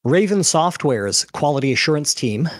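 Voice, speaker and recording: A man hosting a podcast panel, reading out news summaries in a measured way between casual chat. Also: on the high side, expressive, no echo, clean studio sound.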